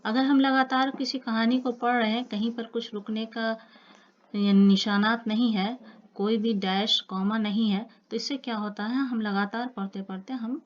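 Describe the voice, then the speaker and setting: A woman teaching an online grammar lesson, explaining slowly with repeated examples and speaking to her students as children. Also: on the high side, fairly even intonation, muffled recording.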